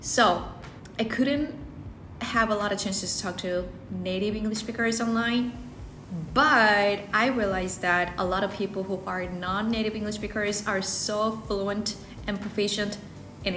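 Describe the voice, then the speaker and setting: Her voice mid-range and fairly bright, a Korean-speaking creator from South Korea offers sincere personal advice in English for her English-learning videos, frequently reworking sentences partway through. The audio has a roomy echo, faint background music, and slight noise.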